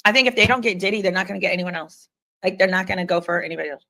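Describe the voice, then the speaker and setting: Rapid-fire and pushed-bright, with vocal fry in a fairly low voice, a woman runs a casual livestream. She gives opinionated, informal commentary and reads comments and updates out loud in a chatty way.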